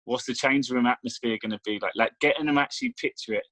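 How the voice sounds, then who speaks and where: A man's voice: medium pitch, fast talker, a bit bright, dry recording, low-quality recording. Man explaining, dry close sound. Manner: explanatory, persuasive. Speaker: meditation coach. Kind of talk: casual chat.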